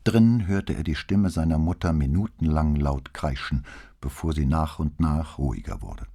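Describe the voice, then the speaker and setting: A man narrating an audiobook in a measured, expressive storytelling manner. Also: extremely low pitch, slightly rough. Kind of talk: scripted narration.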